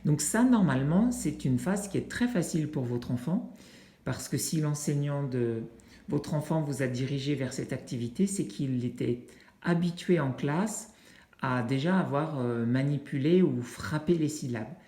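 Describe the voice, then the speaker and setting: A teacher explaining a learning activity to parents in an unhurried way, pausing often with fillers while demonstrating with objects. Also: medium pitch, lively intonation, warm tone. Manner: unhurried, with frequent hesitations and fillers. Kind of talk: instructional video for families. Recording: roomy, echoey indoor sound.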